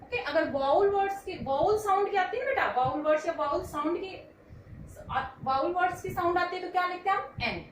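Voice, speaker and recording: एक महिला शिक्षिका अंग्रेज़ी व्याकरण धैर्य से समझाती हैं, खुद सवाल पूछकर खुद जवाब देती हैं और बच्चों को बेटा कहती हैं।. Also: female voice, very high voice, brisk, roomy sound, recorded from a distance, slight background noise, low-quality recording. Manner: explains patiently, asks questions and answers them herself, calls students "beta". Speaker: English teacher. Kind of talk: classroom grammar lesson.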